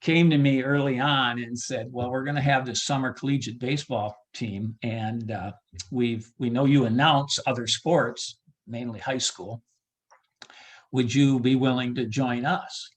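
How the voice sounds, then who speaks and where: Appearing as a guest in an interview, a man who announces over the PA at baseball games speaks in an easygoing way, pausing frequently while working out his thoughts. He has a medium-pitched, steady voice.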